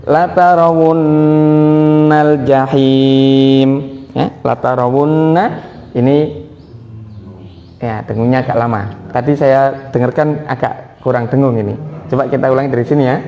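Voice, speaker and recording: A man leads a Quran recitation class and moves between slow, drawn-out chanting and quick, practical correction. His voice carries a long hall reverb, with a faint murmur of room noise behind it. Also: medium pitch, fairly even intonation, warm tone. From Indonesia. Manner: alternates drawn-out melodic recitation with brisk corrective explanation. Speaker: Quran teacher.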